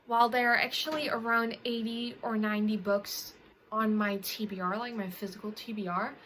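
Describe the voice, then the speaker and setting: A woman's voice: fairly high pitch, steady tone, moderate pace, fairly bright tone, slight background noise, low-quality recording. A young woman chatting casually to camera as a book vlogger, rambling and correcting herself often. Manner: rambling, with frequent self-corrections and fillers.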